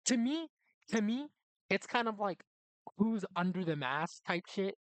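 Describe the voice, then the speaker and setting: A man's voice: high voice, a little slow, no echo. A man co-hosting a casual reaction chat, joking in slang. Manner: excitable slang-heavy banter. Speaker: co-host.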